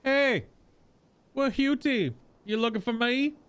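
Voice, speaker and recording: Man doing a high, taunting game outlaw. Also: slow, a bit bright, clear, resonant tone, full character voice.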